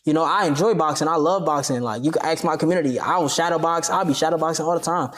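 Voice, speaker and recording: Young man, podcast guest, slangy, animated, confrontational. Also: on the high side, fast talker. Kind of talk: casual interview talk.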